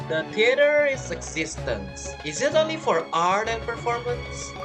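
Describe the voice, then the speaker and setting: A woman who isn't a native English speaker streams gameplay, offering casual commentary while thinking aloud and muttering reactions. Her voice is fairly high, with big pitch swings and an unhurried pace, and game music plays behind her.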